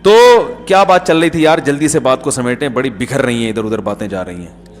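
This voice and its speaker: A man's voice: medium pitch, lively intonation. A middle-aged man with a Pakistani Urdu accent giving a conversational sermon, telling jokey anecdotes and acting out the dialogue. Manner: jokey storytelling, acts out dialogue. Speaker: Islamic preacher. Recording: long hall reverb.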